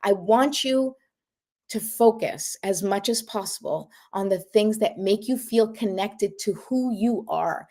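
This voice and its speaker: A woman's voice: medium pitch, unhurried, darkish tone. A woman hosting a casual motivational talk, encouraging listeners and often asking "right?" to check in with them. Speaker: motivational host.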